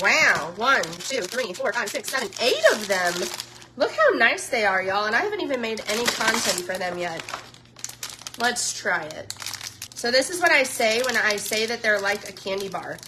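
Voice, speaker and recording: A woman's voice: fairly high pitch, very animated, normal speed, background noise. A woman chatting in a casual live stream, gushing over products she tries and saying "y'all" to her viewers. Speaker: social media influencer.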